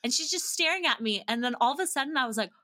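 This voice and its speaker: With a high, animated voice that is very fast and sharp-toned, a woman who founded a language-learning company talks as a podcast guest. She explains things through chatty, animated stories and acts out the quoted dialogue, recorded with no echo.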